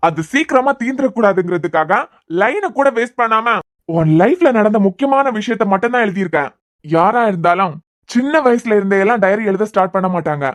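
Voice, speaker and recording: A man's voice: high voice, expressive, fairly quick, no room sound, studio quality. A man doing a teasing, persistent young hero. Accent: Kanyakumari Tamil. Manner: teasing, pressing questions. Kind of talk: cartoon web series voice acting.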